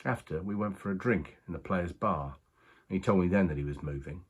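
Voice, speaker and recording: A man plays a rueful, working-class British racing man with a husky, low voice, confiding a strange story in a dramatic monologue. The mood is wistful, and his colloquial storytelling comes out halting and full of pauses.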